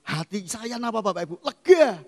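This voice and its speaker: A middle-aged male pastor preaching a sermon, emphatic and swinging from quiet asides to loud exclamations. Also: fairly high pitch, fairly quick. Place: church hall. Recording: long church hall reverb.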